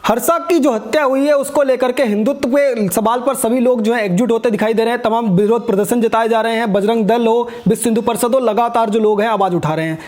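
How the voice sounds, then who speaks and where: A male news host introduces his guest and puts steady, probing questions to him. His voice is strikingly high for a man. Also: fast talker, few pauses. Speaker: news channel host, interviewer. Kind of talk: news interview.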